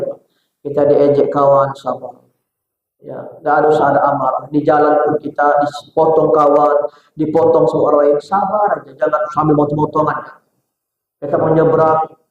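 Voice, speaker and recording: Male preacher, Medan accent, high voice, rhythmic emphatic dawn sermon, recorded far off in a booming echoey hall. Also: fairly even intonation, normal speed, muffled recording. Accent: Medan Indonesian. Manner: rhythmic repetition, rising emphatic delivery.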